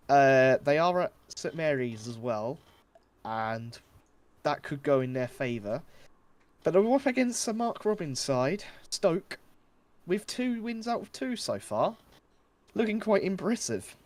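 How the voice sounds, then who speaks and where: A man hosting a casual football predictions chat, measured and a little hesitant with fillers. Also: medium pitch, big pitch swings, a little mellow.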